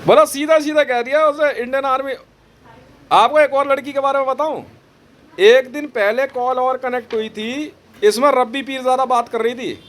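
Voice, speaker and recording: A man telling a dramatic story in a boastful, animated way, quoting the dialogue as he goes. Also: extremely high pitch, moderate pace, slight background noise. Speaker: vlogger recounting phone calls.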